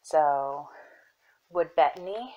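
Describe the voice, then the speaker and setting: A young woman casually showing her herb collection, soft-spoken and unhurried, with fillers and self-corrections that sometimes drop into a whisper. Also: low voice, animated, lo-fi sound. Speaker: apothecary shop owner. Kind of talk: casual show-and-tell.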